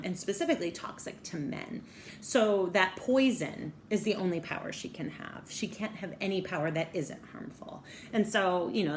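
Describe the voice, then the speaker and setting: A woman's voice: on the low side, a little hiss or hum. A woman teacher summarizing a story in a casual, chatty way, full of "like" and "um".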